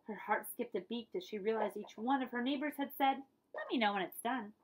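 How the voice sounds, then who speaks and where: Playing a librarian, this woman reads a children's picture book aloud, adding dramatic storytelling flair and friendly side comments. Her voice sits on the high side and moves a little fast, and the recording is rough.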